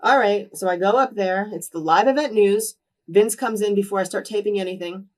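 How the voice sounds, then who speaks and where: A woman in her 30s from New Jersey, a sit-down interview guest, tells casual stories in a quick, chatty way with a mid-range voice. She's lively and acts out quoted dialogue, and the mic sits a little distant.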